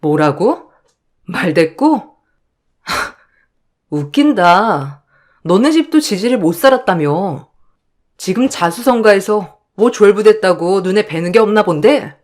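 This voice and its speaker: A woman voicing a defiant young daughter-in-law who answers back with sharp, biting retorts. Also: medium pitch, lively intonation, slow, long pauses. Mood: mocking.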